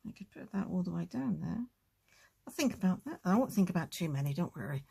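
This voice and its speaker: A woman's voice: lowish voice, very animated, fairly quick, vocal fry, mellow, slightly rough. A woman hosting a casual crafting tutorial, chatting and thinking aloud as she works.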